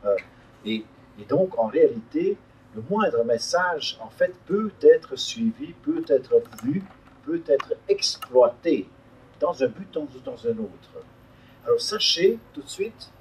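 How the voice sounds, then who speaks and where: An older man from Hungary gives a public talk at an evening debate, his pitch rising and falling in a lively way. He talks hesitantly, with plenty of fillers and restarts. He is picked up by a distant mic in a meeting room, with a faint hum behind him. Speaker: invited speaker. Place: meeting room around a table, above a restaurant.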